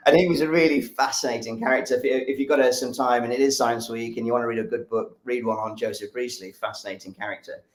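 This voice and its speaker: A man's voice: mid-range voice, fairly even intonation, quick pace, few pauses, roomy sound. An English man explaining a science demonstration during a live stream. He talks with enthusiasm, rambles, and uses a lot of fillers. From England. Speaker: science educator.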